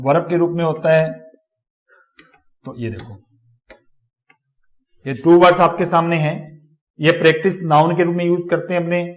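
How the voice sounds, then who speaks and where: A man giving a step-by-step lecture, repeating each example word as he explains. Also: on the high side. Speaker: teacher. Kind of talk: classroom lecture on phonetics.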